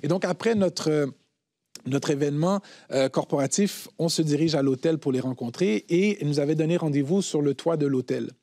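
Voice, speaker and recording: A man, a pastor and guest on a talk show, telling a lively testimony and rising to a shout at times. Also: a little high, moderate pace, dry recording. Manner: animated storyteller, swells to shouting. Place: TV studio.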